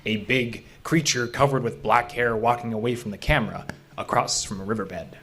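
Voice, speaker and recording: This time the skeptical yet curious ranger speaks at a moderate pace, his medium-pitched voice fairly bright and fairly even in intonation. The performer keeps the dialogue natural and a bit hesitant, sounding close to an everyday voice. The character stays level-headed, probing with quiet curiosity.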